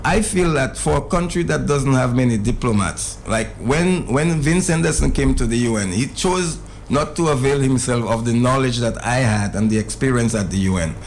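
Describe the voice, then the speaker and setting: A middle-aged man speaks as a guest on a radio talk show, earnest and often repeating words as he restarts. His voice has a gravelly edge at mid pitch. A faint hiss sits under the studio sound. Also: moderate pace, hardly any pauses, low-quality recording. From Dominica. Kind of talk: casual radio interview.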